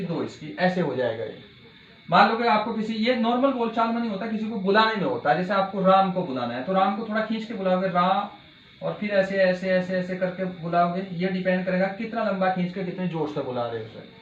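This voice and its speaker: High-voiced male teacher in an echoey room. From India. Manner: repeats key words slowly and asks the class questions. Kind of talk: exam-prep Hindi grammar lesson at a board. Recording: dull, echoey room with faint hiss.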